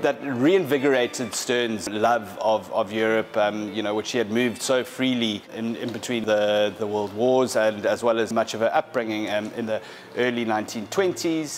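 Man presenting artworks in a gallery. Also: medium pitch. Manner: measured, explanatory, with frequent fillers and restarts. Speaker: art specialist. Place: large gallery hall, indoors.

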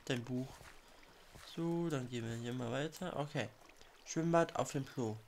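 A man's voice: mid-range voice, unhurried, a little mellow, slight background noise. A man with a cold giving casual commentary while playing a video game, muttering his reactions to himself. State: has a cold. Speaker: let's play gamer.

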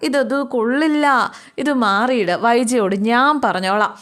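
A woman voicing a fond old grandmother who cannot walk, pleading and gently scolding. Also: on the high side, animated, moderate pace. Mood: coaxing.

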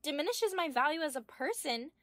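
A woman's voice: high voice, expressive, a little fast, fairly bright tone, no echo. Firm, indignant woman in her thirties. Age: 30s. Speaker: wronged wife. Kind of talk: scripted dialogue reading.

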